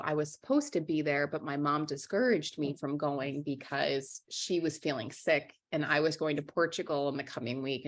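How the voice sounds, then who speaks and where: Her voice is deep yet fairly bright in tone. A young adult woman from Minnesota who works as a writer and journalist, she speaks frankly and candidly as an interview guest, often starting her sentences over.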